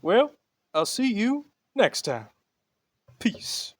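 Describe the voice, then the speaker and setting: A man's voice: high voice, very animated, extremely slow, no room sound, heavily acted. A man voicing a chatty puppet stage magician with theatrical, exclamatory patter in a puppet talent show act. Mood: showy, upbeat.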